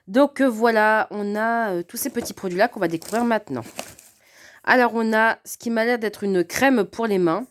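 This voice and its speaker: A woman chatting casually through an unboxing of a cat subscription box, often pausing with fillers. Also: on the high side. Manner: chatty, hesitant with frequent fillers.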